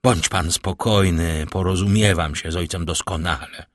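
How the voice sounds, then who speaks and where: Middle-aged prosecutor, strained, secretive, male reader, low, dry sound. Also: steady tone, normal speed, no room sound, natural voice. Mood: tense.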